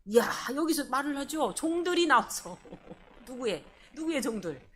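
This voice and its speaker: A woman pastor preaching a sermon, animated and asking the congregation questions. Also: high-pitched, normal speed, slight background noise. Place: church service.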